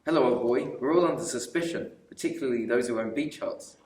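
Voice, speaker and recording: In a school radio play, a young actor plays a cheeky working-class holidaymaker who teases loudly and with lots of life. His mid-range voice moves quickly and is only lightly acted. The recording has a roomy echo, a distant mic and faint hiss.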